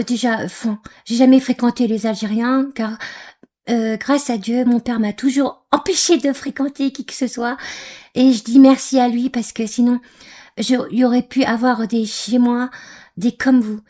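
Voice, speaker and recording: A woman's voice: on the high side, fairly even intonation, moderate pace, dark tone. A woman from Algeria giving angry, scornful reaction commentary on a video, with frequent hesitations. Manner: scornful, insulting, hesitant with many fillers.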